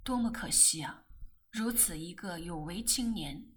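A woman voicing a calm, thoughtful grown man who speaks in a low-key, measured, sighing way. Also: slightly rough. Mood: rueful. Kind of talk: audiobook character voice.

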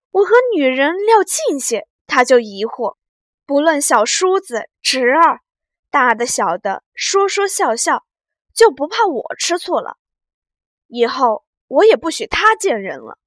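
Woman reading young nobleman, loud, blustering, wheedling, higher voice, dry close sound. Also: no room sound.

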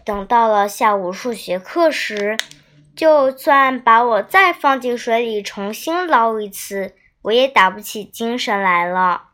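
A young girl reads a children's diary story aloud, leaning into every line with a dramatic storybook delivery. Her voice sits a little high, and she takes her time, stretching out words. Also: slight background noise. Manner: expressive, dramatic storybook reading with drawn-out words.

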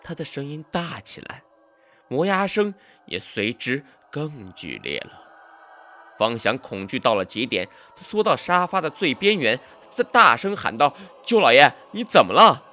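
A man narrating a horror story in a dramatic, suspenseful way, swinging between hushed and loud delivery. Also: mid-range voice, sing-song, measured pace.

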